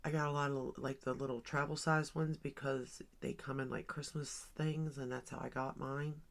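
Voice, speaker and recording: A woman in her forties, a beauty vlogger, talks at a moderate pace in a rumbling low voice with a level tone and vocal fry. While applying makeup in a casual get-ready-with-me chat, she rambles and thinks aloud, peppering her speech with ums and likes.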